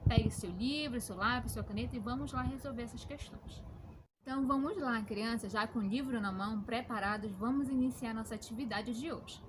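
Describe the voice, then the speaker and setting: A woman's voice: a little high, brisk, noisy background. A woman teaching a lesson to children, explaining patiently and checking in with them often. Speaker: schoolteacher.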